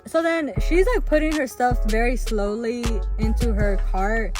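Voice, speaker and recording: A woman's voice: a little high, animated, unhurried. Chatty young woman telling a story. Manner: chatty, lots of "like" fillers. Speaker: vlogger. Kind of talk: casual storytime. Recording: music playing behind.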